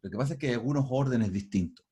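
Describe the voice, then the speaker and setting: A husky-voiced man leads a linguistics class over a video call. He explains step by step, often repeating and restarting words as he thinks aloud, at a middling pitch. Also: fast, dark tone. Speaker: linguistics teacher. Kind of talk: online class teaching.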